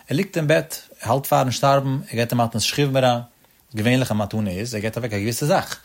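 A man leading a traditional text-study lesson, his voice sitting at an ordinary middle pitch. His phrases rise and fall in a sing-song study cadence as he works through the text step by step. He keeps coming back to the key terms as he explains. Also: brisk. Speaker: religious study teacher.

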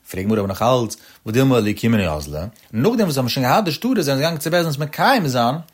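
A man teaching a text lesson in a sing-song way, his pitch swooping up and down between phrases. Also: sing-song, rapid-fire, husky. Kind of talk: lecture.

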